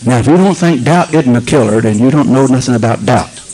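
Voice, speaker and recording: A man preaching a sermon, swinging between low storytelling and shouted proclamation and asking the congregation whether they understand. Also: lively intonation, a little fast, slightly rough, poor audio. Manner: asks the congregation for agreement.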